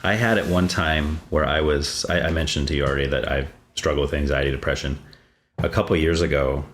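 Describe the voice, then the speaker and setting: Deep-voiced guy on a podcast, chatting casually, lively storyteller. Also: a little hiss or hum. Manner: animated storytelling, voice rising when excited. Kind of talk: casual conversation.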